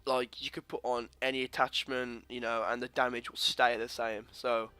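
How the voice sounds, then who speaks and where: Over faint background music, a young gaming host with a mildly congested sore throat chats through his class setup in the menus, rambling with many fillers and false starts. His mid-range voice is pushed and bright yet clean, level in tone and at normal speed.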